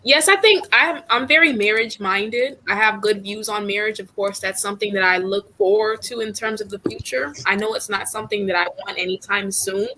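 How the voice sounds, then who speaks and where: A woman of twenty speaking as a guest in a composed, measured way. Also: mid-range voice, bright, forceful tone, a little hiss or hum, low-quality recording.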